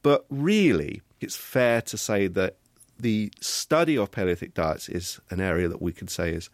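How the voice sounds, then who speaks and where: A middle-aged man, a genetics professor, answering interview questions in a measured, explanatory way. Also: sits low, big pitch swings, no room sound.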